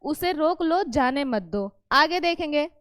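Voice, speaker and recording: A woman's voice: high voice, expressive, unhurried, fairly bright tone, no echo. A woman teaching a Hindi grammar lesson, repeating each point and quizzing the class with questions she answers herself. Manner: self-correcting, explains patiently.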